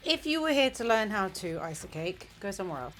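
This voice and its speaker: A woman's voice: mid-range voice, very animated, a little fast, faint music behind. A tipsy, giggly, rambling woman chatting casually as host of a comic baking vlog, sweary, self-mocking and playfully crude. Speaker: host of a comedic baking video.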